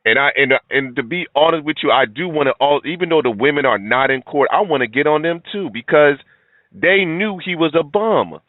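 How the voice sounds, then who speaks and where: This commentary video host is a middle-aged man who lectures listeners in blunt, preachy reaction commentary. He talks briskly in a slightly high voice with lively intonation. The sound is thin and phone-like, completely dry.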